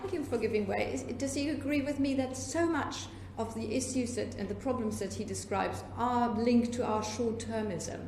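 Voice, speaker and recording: A woman makes a parliamentary intervention in a mellow voice, restarting her phrases as she goes. The chamber is echoey, with faint noise behind her. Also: a little high, normal speed, few pauses. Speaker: member of parliament. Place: indoor debating chamber.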